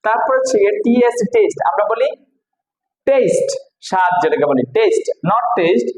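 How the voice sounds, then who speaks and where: A man with a Bangladeshi accent teaching English pronunciation, repeating each word slowly and quizzing the listener. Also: sits high, animated, darkish tone, roomy sound, low-quality recording. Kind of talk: spoken classroom lesson.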